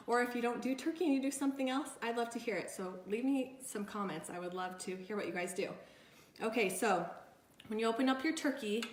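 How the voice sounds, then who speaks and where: A woman's voice: mid-range voice, echoey room. A woman food blogger giving a casual cooking tutorial in her home kitchen, talking chattily while she works with her hands.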